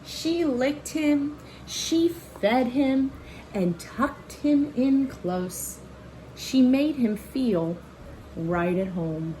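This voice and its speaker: Reading extremely slowly, a woman with a high, warm, animated voice shares a children's picture book as a teacher might, stopping to point things out and question her young listeners. There's slight background noise and the audio quality is poor.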